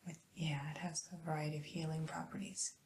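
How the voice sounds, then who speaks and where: Mellow whispering woman playing a spa receptionist. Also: low voice, level tone, slight background noise. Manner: soft unvoiced whisper, slow and soothing; gentle hesitations with "uh" and "um". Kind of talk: whispered ASMR roleplay.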